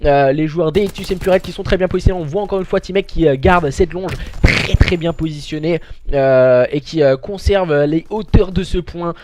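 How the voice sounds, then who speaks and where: Higher-pitched man, excitable esports announcer. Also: moderate pace, background noise. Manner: excitable play-by-play announcing like a fighting game announcer. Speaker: esports caster and streamer. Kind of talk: live esports match commentary.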